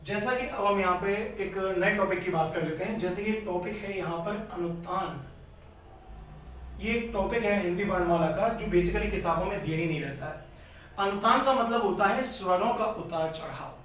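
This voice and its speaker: A man's voice: sits high, normal speed, fairly bright tone, a little hiss or hum. A man teaching a Hindi grammar lesson, explaining step by step and repeating key points, in an echoey room far from the mic. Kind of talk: classroom lecture.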